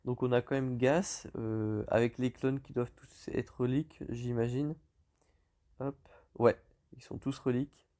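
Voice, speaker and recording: A man's voice: mid-range voice, measured pace. A man with a French accent giving casual, hesitant commentary on his game, correcting himself as he goes. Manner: relaxed, lots of hesitations and self-corrections. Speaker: gaming YouTuber.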